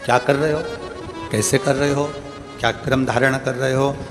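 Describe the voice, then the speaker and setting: A man's voice: mid-range voice, fairly even intonation, moderate pace, in a large hall, over music. A man giving a devotional sermon as a religious storyteller, preaching in rhythmic repeated phrases. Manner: sings bhajan lines, then preaches in rhythmic repetitions.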